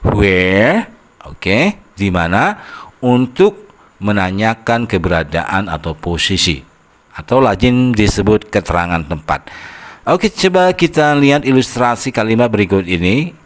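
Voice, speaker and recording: Male online English teacher, unhurried voice-over, casual buddy-like tone, keeps checking in with "okay". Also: on the low side, sing-song. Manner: patient, explains step by step with frequent "oke" and "ya"; addresses viewers as "sob". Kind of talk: slide-based grammar lesson.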